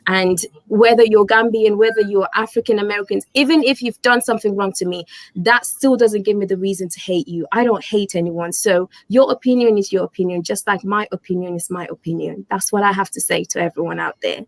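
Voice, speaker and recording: A woman's voice: medium pitch, brisk, no room sound, rough recording. A woman hosting an interview on her channel, speaking in an earnest, emphatic way. Her voice is recorded close and dry, with no room sound around it. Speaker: host. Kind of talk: casual interview.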